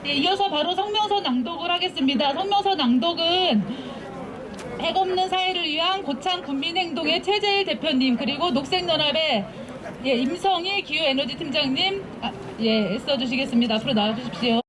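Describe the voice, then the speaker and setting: High-voiced woman emceeing a street rally. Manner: loud chanting, then brisk announcing. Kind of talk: leading chants and introducing speakers. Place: outdoors on a city street. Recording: street rally with crowd and traffic noise.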